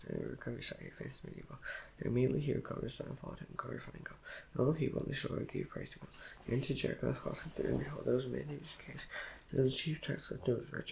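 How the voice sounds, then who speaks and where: Fast, gravelly man reading scripture. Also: mid-range voice, a little mellow, a little hiss or hum. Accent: Korean. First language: Korean. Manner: rushed, stumbling over words. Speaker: Bible reader.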